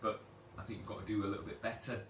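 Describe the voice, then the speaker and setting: Rambling trainer, echoey room. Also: male voice, fairly low pitch, level tone, rapid-fire, a bit bright. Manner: rambling, chatty and self-deprecating. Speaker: personal trainer. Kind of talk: casual live Q&A advice. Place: at home on a sofa. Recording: echoey room, distant from mic, faint background noise.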